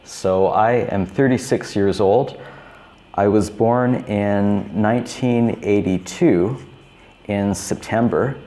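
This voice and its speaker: A man in his thirties teaching beginner English, repeating each simple phrase slowly and clearly. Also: lowish voice, dark tone. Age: 30s. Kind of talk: slow, repetitive teaching for beginners.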